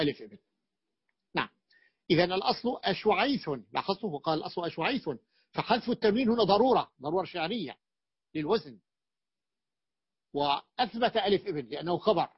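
Sheikh teaching grammar, high-ish voice, slow and repeats stuff, dull lo-fi sound. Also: male voice, breathy edge, dry recording. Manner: slow, repeats points, many fillers and restarts. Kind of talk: classroom lecture.

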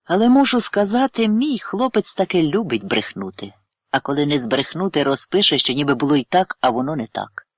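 A man playing blunt peasant mother, high raised voice, apologetic but frank. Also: big pitch swings, fairly quick, no room sound, studio quality. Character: frank peasant mother, worried about her son.

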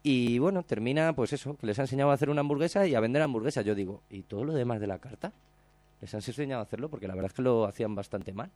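A man talks on local radio, bursting into shouted impressions as he tells a story. His voice sits at an ordinary middle pitch. The studio mic sounds close and dry, with no room echo. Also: rapid-fire. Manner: animated storyteller, swears freely, acts out quotes loudly. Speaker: radio show host. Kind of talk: casual radio chat, retelling a TV show.

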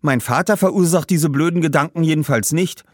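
A man reading aloud, voicing a lively, outspoken young girl who speaks in an eager, exclamatory way. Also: fairly high pitch, a little fast, no room sound, clean studio sound, voice pushed up, lightly acted.

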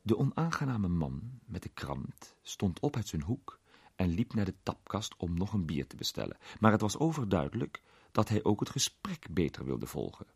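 A man's voice: low voice, moderate pace, vocal fry, breathy edge, dry recording. A man reading a crime story aloud, narrating expressively and doing all the characters. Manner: expressive, does all the voices.

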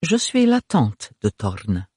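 A man voicing an elegant aristocratic woman who speaks slowly in a purring, refined way. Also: medium pitch, huge pitch swings, a little mellow, breathy edge, no echo, studio quality, heavily acted. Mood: gracious.

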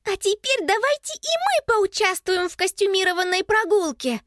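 A woman voicing a group of excited, mischievous young girls in a storybook, chanting in a sing-song way. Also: extremely high pitch, moderate pace, no echo, studio quality, voice pushed up. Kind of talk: storybook reading.

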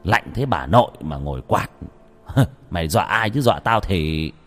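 A man voicing a blunt, grumpy older village man who curses and scoffs, with a lively, lowish voice. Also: normal speed, faint music behind. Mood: scoffing. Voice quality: gruff, cursing, mocking.

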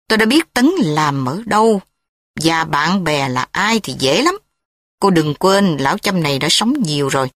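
A woman reading the part of a scheming, threatening older man who talks in a measured, cold way. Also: lowish voice, dry recording, studio quality. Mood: menacing.

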